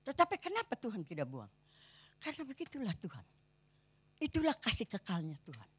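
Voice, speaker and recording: A woman's voice: medium pitch, wildly swooping pitch, fairly quick, husky. A woman in her eighties with a Kupang Malay accent, preaching a sermon in a conversational style and often asking her listeners rhetorical questions. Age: 80s. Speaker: pastor.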